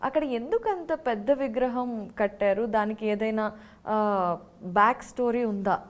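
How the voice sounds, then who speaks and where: Brief: female interviewer, respectful, quick affirmations, slightly raised pitch. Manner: short affirming interjections, polite questions.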